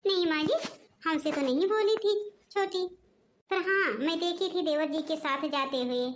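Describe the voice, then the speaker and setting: Polite cartoon daughter-in-law, dutiful, soothing, high voice. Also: female voice, moderate pace, a little hiss or hum. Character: meek dutiful elder daughter-in-law, young woman.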